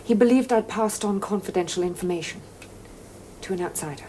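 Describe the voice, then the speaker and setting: A woman playing an evasive, quick-talking secretary. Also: mid-range voice, mellow, a little hiss or hum, close to an everyday voice. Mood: guarded. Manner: guarded, defensive. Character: evasive young female secretary. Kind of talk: British television drama acting.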